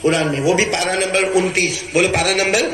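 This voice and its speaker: Male preacher, high pitch, fervent call-and-response sermon, echoey hall sound. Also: fairly even intonation. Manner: call-and-response, urging the crowd to answer; swings between hushed and shouted delivery. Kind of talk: fervent sermon to a large gathering. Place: large outdoor religious gathering. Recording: echoey, noisy crowd gathering.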